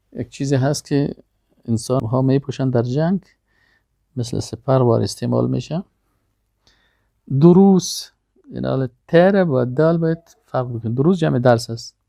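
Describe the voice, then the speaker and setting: A man gives an Arabic lesson in a low, gravelly voice. He reads short drill phrases and then explains each one patiently. The recording is dry and close. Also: dark tone, no room sound. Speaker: Arabic language teacher. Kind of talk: language lesson.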